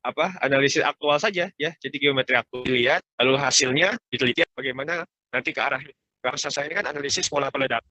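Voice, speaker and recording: A man supervising a student's research on a video call, speaking slowly and hesitantly while his audio breaks up and stutters from a bad connection. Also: medium pitch, sharp tone. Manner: slow, hesitant, with fillers and restarts. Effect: choppy, stuttering audio breaking up from a bad connection. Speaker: thesis supervisor. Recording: muffled, dry video call line.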